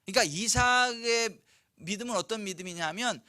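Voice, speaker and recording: A male pastor preaching a sermon, reading scripture slowly and asking the congregation rhetorical questions. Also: high-pitched, pushed and bright, no room sound, studio quality. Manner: slow, weighty scripture reading.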